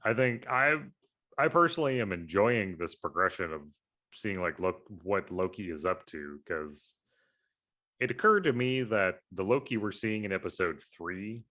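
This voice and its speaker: A man's voice: deep voice, lively intonation, normal speed, bright, forceful tone. A man co-hosting a podcast in casual chat, analytical and rambling, with many fillers and restarts. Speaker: podcast co-host.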